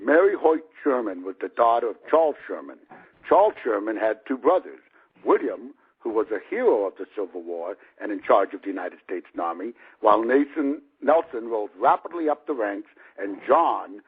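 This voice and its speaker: Brisk and husky, this lowish male voice has a sing-song lilt as a man in his fifties reads his book's prologue aloud with wry, conversational ease. It's an audiobook-style narration captured in muffled, radio-like lo-fi sound.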